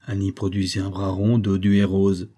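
A man reading a French novel aloud as an audiobook narrator, in a measured, literary way. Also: deep voice, monotone, warm tone. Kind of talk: scripted narration.

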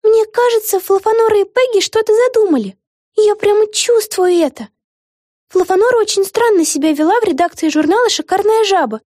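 A woman's voice: very high voice, a little fast, darkish tone, no room sound, clean studio sound, pitched above the performer's own voice. A woman voicing an earnest, sensible young witch girl in a storybook reading.

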